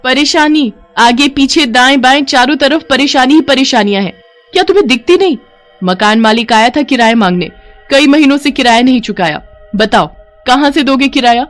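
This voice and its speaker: A sharp-tongued young cartoon wife, voiced by a woman, scolding and complaining in a raised, high voice. She sounds poor and fed up. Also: fairly even intonation, moderate pace, few pauses, soft background music, lightly acted. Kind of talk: cartoon voice acting.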